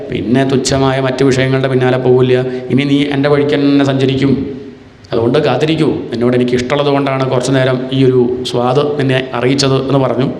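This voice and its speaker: A man's voice: medium pitch, darkish tone. Man giving a devotional discourse in a reverberant hall. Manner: storytelling in first person, slowly chants verses. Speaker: scripture discourse speaker. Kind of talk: devotional discourse with Sanskrit verse chanting.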